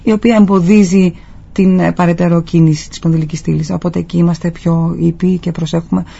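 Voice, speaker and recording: Husky earnest guest on a talk. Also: mid-range voice, flat delivery, mellow. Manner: earnest, advising listeners directly. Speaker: guest physiotherapist. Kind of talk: explanatory interview answers. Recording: dull lo-fi sound.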